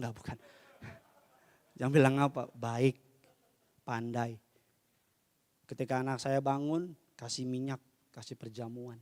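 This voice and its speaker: Male preacher from indonesia, jokey sermon, long hall reverb. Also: medium pitch. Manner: jokey, swings between loud preaching and quiet asides. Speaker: pastor.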